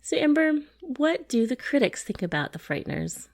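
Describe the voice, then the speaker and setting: A woman co-hosting a podcast in casual chat, chatty and quick to agree. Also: sits high, sing-song. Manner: chatty, agreeable, lots of fillers and restarts. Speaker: podcast co-host.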